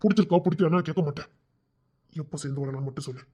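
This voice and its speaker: A cheeky young village man courting the woman he loves, played by a man. He talks quickly, teasing and bantering, and he bursts into loud protest when he's cornered. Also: on the high side, husky. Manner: teasing, bantering, swings into shouting. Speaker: actor in a short romance drama. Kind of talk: dramatic village romance acting.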